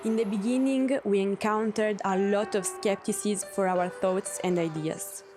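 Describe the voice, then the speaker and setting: A woman, narrating a travel vlog voice-over in an earnest, steady way. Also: medium pitch, measured pace. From Italy. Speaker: travel vlogger. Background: music.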